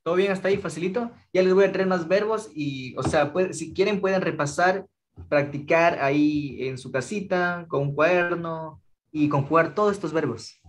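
A young man with an Ecuadorian Spanish accent teaching an online language class, patient and slow, often checking in with his students. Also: on the high side. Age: young adult. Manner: patient, slow drilling of phrases, checks in with frequent "¿sí?".

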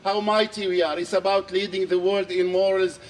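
A middle-aged man from Syria giving an earnest, measured speech at an outdoor protest, repeating key phrases for emphasis. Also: high voice, level tone, far from the mic, crowd noise. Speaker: archbishop speaking at a rally. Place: outdoor square under trees. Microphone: handheld mic on a stand.

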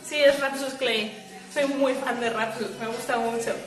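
A woman's voice: on the high side, steady tone, a little slow, reverberant. A woman with a Spain Spanish accent hosting a casual livestream chat from a hammock at home, talking into her phone, reading viewer comments and laughing often. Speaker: livestream host. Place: at home lying in a swaying hammock.

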